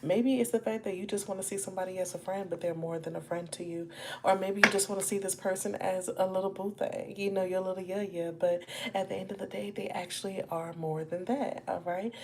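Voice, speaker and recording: Brief: woman tarot reader on a livestream, low-ish voice, casual and chatty, noisy room behind her. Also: fairly even intonation, fairly quick. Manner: chatty, addresses viewers as y'all and baby. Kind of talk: live tarot reading.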